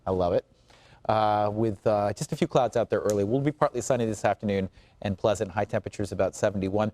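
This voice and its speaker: A TV weather forecaster with an American accent delivers a live morning weather report, joking and chatting informally. His voice is fairly low and darkish, and he talks fast.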